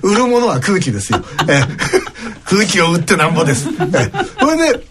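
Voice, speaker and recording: A man's voice: high voice, huge pitch swings, a little fast, very noisy. A man hosting a casual chat, rambling through jokey schemes and laughing often.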